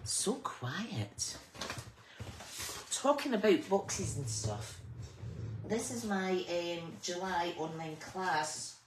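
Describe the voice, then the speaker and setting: A woman's voice: on the low side, lively intonation, slow pace. A woman with whistling s sounds, chatting informally as she hosts a craft tutorial, drifting into small asides. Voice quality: whistling sibilant s sounds when speaking. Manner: informal, rambling, self-interrupting with small asides and sing-song filler. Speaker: host of a live papercraft class. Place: at a craft table indoors. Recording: clearly noisy with clicks.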